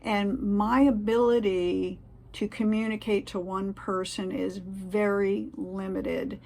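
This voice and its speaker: A woman's voice: mid-range voice, flat delivery, slow, a little mellow. A woman giving casual, earnest advice to the camera, rambling a little with fillers and restarts. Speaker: vlogger sharing tips.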